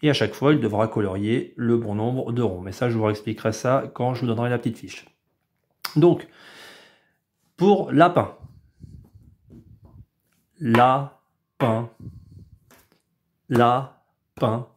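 A man, a preschool teacher, explaining a home activity to parents in a patient, step-by-step way, sometimes stretching words out slowly. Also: medium pitch, darkish tone. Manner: patient, explanatory, drawn-out syllables when demonstrating. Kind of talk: instructional video for parents.

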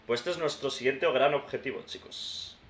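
In a roomy recording with faint background noise, a gaming YouTuber offers relaxed let's-play commentary at a moderate pace. His medium pitch carries a fairly bright tone, and he chats, thinks aloud, and greets his viewers as friends with "tío" and "hermanos."

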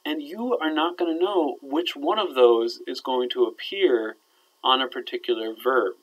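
A man's voice: mid-range voice, a little slow, low-quality recording. A man explaining verb grammar to his students in a recorded lecture, checking in with them often and letting his voice drop at the ends of phrases. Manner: explanatory, checks in with "all right?", trails off quietly at ends of phrases. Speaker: Arabic teacher.

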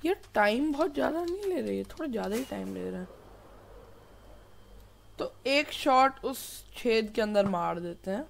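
A man's voice: high voice, lively intonation, normal speed, vocal fry, fairly bright tone, a little hiss or hum. A man giving casual gameplay commentary, chatty and apologetic, mixing English words into his talk. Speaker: gameplay youtuber.

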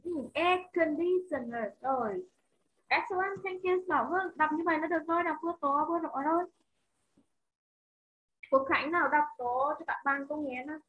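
A woman teacher with a Vietnamese accent running an online English vocabulary drill. She models each word slowly, repeats it and coaxes her pupils to say it back, on a video call. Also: high-pitched, narrow, tinny audio.

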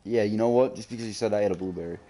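A man's voice: lowish voice, very fast, dark tone. A man streaming a game, chatting casually with a friend, joking crude and laughing often. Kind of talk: casual gaming chat.

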